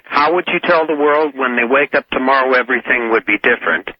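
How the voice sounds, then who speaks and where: A man's voice: medium pitch, fast, dry recording. A man calling in to a radio show, rambling through a joking remark. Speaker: caller. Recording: dry lo-fi radio call.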